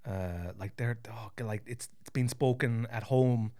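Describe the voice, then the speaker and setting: A guest from County Kerry in southwest Ireland chats casually in a west of Ireland accent, blunt and swearing a lot. His voice is medium in pitch, mellow, and unhurried.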